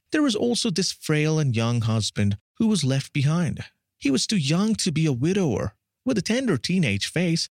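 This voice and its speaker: Man narrating true crime, lively pitch. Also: dry recording, studio quality.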